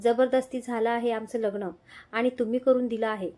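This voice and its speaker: A woman's voice: fairly high pitch, steady tone, moderate pace, warm tone, natural voice. Woman reading as a curt, hot-tempered young husband. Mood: angry. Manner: snapping, irritable. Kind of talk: audio story reading.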